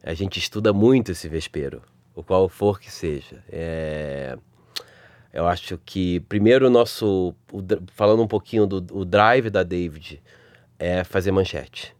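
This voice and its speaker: A man's voice: deep voice, measured pace, a little mellow, no room sound. A man with a Rio de Janeiro carioca accent chatting casually as an interview guest, using informal, colloquial language. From Rio de Janeiro, Brazil. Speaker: podcast guest, advertising creative executive.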